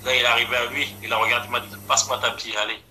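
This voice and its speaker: Bright-toned young man chatting casually. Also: mid-range voice, very fast, slight background noise, low-quality recording. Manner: relaxed, frequent agreeing interjections. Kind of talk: casual chat.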